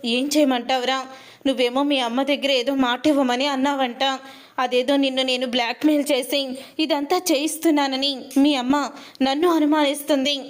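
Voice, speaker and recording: A woman's voice: high voice, level tone, normal speed, close to an everyday voice. Woman voicing a worried father pressing his son. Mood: puzzled. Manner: urgent, pleading questions.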